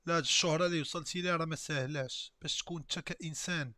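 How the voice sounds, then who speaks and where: A man's voice: fairly high pitch, fairly even intonation, rapid-fire, pushed and bright. A man with a Moroccan accent hosting a live stream, bantering and teasing a caller in casual chat.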